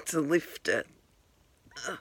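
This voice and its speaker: A woman vlogger talks casually to her phone camera at home, rambling and poking fun at herself, recorded on the handheld phone. Her low voice is fairly bright, moves slowly, and swings widely in pitch. A little hiss or hum sits in the background.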